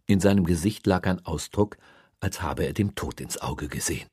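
A man reading a story aloud in a measured, expressive audiobook style. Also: deep voice, breathy edge, no room sound, clean studio sound. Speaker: narrator.

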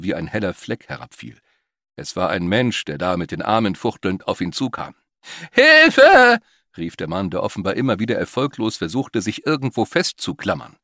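A man narrating a story aloud, reading in an expressive storytelling manner. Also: sits low, no echo, studio quality. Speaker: audiobook narrator. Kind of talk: scripted narration.

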